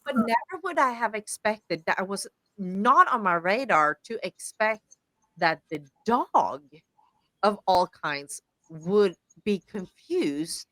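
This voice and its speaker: A Swedish podcast host chats casually and tells stories, animatedly acting out quoted lines. She speaks slowly at a medium pitch. The recording is rough, though without any echo.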